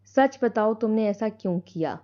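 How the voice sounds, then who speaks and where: A woman's voice: mid-range voice, animated, dark tone, muffled recording, natural voice. A woman voicing a stern, protective adult brother who speaks harshly. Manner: harsh, scolding.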